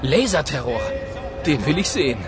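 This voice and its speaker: A man's voice: fairly high pitch, sing-song, moderate pace, over a noisy crowd. An actor playing a playful, eager young male reporter in a language-course radio play, teasing and theatrical.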